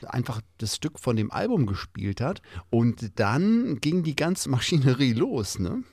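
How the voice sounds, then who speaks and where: A man's voice: mid-range voice, sing-song, a little slow, darkish tone, dry recording. A male host speaking in a casual chat, hesitant with many fillers.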